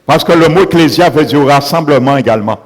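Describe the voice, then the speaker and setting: A man's voice: a little high, fast talker. A man preaching a sermon, punctuating his points with repeated calls of alleluia. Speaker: pastor. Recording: long hall reverb.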